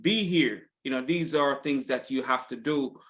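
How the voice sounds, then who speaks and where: A podcast host interviews his guest, affirming what they say and filling his speech with frequent ums and uhs. His mid-range male voice moves at a moderate pace and sounds a bit bright.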